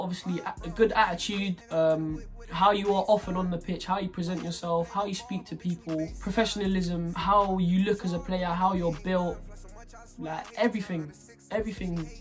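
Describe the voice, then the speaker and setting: A young man in his twenties talks through a casual question-and-answer vlog from his bedroom, his voice sitting high for a man. He is laid back, trails off mid-thought and leans on "obviously" again and again. Soft music plays faintly underneath. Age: 20s. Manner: relaxed, trailing off, repeats "obviously". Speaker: footballer answering fan questions. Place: bedroom, indoors. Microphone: camera at desk distance.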